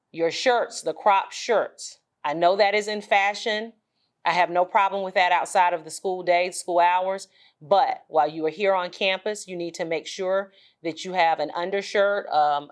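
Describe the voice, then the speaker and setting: Firm, lower-voiced woman making school announcements. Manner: firm, emphatic, deliberate phrasing with pauses. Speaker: school administrator addressing students. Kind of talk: informal school announcement speech.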